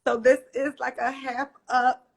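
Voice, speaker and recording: Her voice is high-pitched yet flat, a little slow, husky, with vocal fry. An interview guest who runs a small business as a hairstylist, she was born in Trinidad and Tobago, grew up in Philadelphia, speaks with an American accent, and keeps the conversation casual and friendly.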